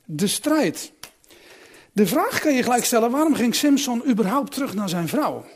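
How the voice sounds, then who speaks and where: A man's voice: very high-pitched, very animated, moderate pace, husky. A man reading a Bible passage aloud and then explaining it in a musing, conversational way with a few restarts.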